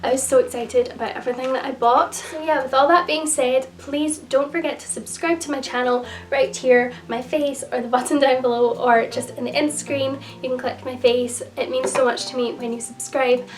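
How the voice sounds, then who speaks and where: A young woman with a slightly croaky voice, gushing warmly in a casual haul vlog about things she bought. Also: sits high, steady tone, moderate pace, few pauses, far from the mic. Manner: gushing, effusive, repeats "so, so". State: croaky voice from a cold. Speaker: beauty and lifestyle vlogger. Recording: music bed, voice a little off-mic.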